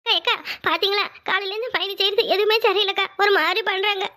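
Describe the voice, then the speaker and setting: High-voiced performer as a chatty gossiping helper. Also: steady tone, bright, forceful tone. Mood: worried. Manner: quick, tattling, calling everyone akka. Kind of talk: Tamil family drama voiceover.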